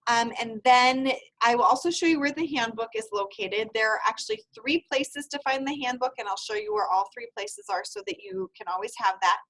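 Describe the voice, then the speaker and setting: A woman in her thirties leading an online seminar over a video call, giving brisk, friendly, step-by-step instructions. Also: on the high side, lively intonation, a bit bright, rough recording. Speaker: university field experience coordinator. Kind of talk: online seminar presentation with screen sharing.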